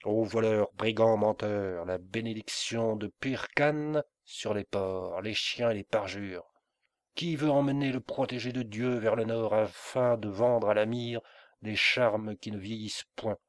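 Bold, declaiming holy-man trickster, read by a man — slow, weighty delivery, lowish pitch, dry close sound. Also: steady tone, no echo, close to an everyday voice. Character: boisterous wandering male mollah, bold trickster.

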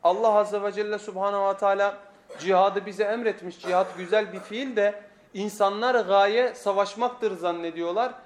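Erkek vaiz, kürsüde mikrofonla ders, yüksek perdeli ses, soru sorup cevaplayan üslup. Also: male voice, high voice, steady tone, normal speed. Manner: emphatic, asks rhetorical questions and answers them. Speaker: religious teacher. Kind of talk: religious lecture. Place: at a pulpit before a congregation. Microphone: pulpit microphone.

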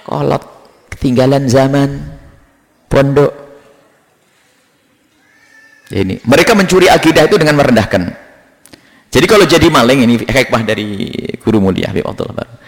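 A man preaching a sermon, telling stories and mimicking the characters in them. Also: a little high. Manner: animated storytelling, mimics characters in raised voice. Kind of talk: sermon with acted anecdotes. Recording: echoey hall recording.

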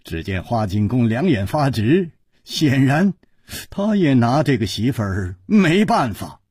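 Slow, husky male storyteller. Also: mid-range voice, no room sound, studio quality. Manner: dramatic, lively delivery. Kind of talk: traditional Chinese storytelling.

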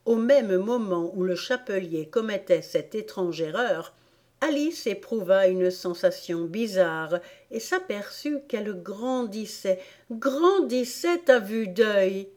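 Slow, mellow woman reading a story. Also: mid-range voice. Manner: calm, unhurried reading. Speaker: audiobook reader. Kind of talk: storybook narration.

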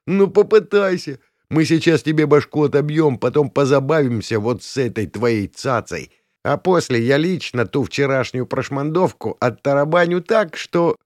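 A man's voice: mid-range voice, expressive, normal speed, dry recording, studio quality, pitched above the performer's own voice, lightly acted. A man voicing a crude, cocky young male gang leader who jeers and sneers in a raised voice. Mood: threatening. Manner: sneering, jeering.

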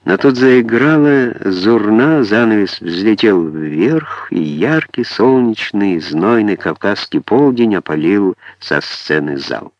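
A man narrating a first-person memoir audiobook in a calm, ironic storytelling manner. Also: fairly low pitch, takes it slowly, hardly any pauses, dull audio.

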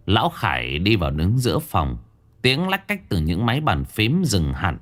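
A man narrating a story in a dramatic, expressive way. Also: fairly low pitch, normal speed.

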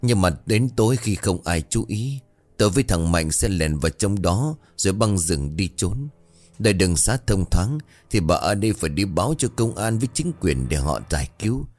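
A man voicing a desperate middle-aged village chief and worried father, in a deep, earnest, pleading tone. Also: lively intonation, moderate pace, darkish tone, no room sound, soft background music. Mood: resolute.

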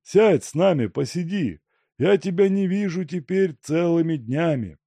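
A man's voice: fairly high pitch, lively intonation, a little slow, mellow, no room sound, pitched above the performer's own voice. Man doing a fretful old father. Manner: fretful, pleading. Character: worried old merchant father, fussy and anxious.

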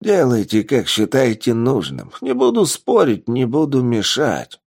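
A man voicing a mild male professor who answers in a polite, placating way, a little above his own pitch. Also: huge pitch swings, unhurried, creaky, a little mellow, breathy edge, heavily acted.

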